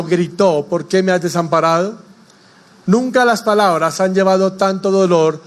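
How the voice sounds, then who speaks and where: A male pastor delivers a sermon in a church. His voice sits high for a man, and he keeps turning to the congregation with questions. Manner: preaching with rhetorical questions to the congregation.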